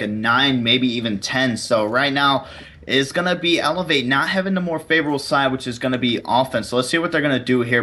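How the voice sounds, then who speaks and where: A man's voice: medium pitch, bright, forceful tone, slight background noise. A man doing color commentary on an esports match, rambling through his analysis and confidently boasting that his predictions came true. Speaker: esports caster.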